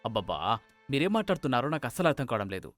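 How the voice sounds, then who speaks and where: A man's voice: medium pitch, big pitch swings, rapid-fire, a bit bright, faint music behind. A man playing a bewildered village schoolteacher. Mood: puzzled. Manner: defensive, puzzled. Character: calm middle-aged male schoolteacher, bewildered.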